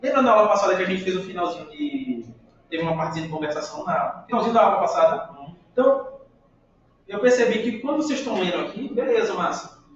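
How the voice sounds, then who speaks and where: A man's voice: high-pitched, animated, fast talker. A man teaching an English class, upbeat, drilling pronunciation and calling on students by name. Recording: echoey, distant, muffled classroom recording.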